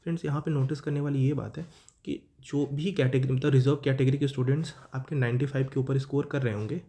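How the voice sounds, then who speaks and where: Mellow-voiced young Indian man explaining. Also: mid-range voice, fairly even intonation, fast. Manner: conversational, keeps saying "friends", self-correcting. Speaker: exam-prep YouTuber. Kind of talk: casual explainer talk to students.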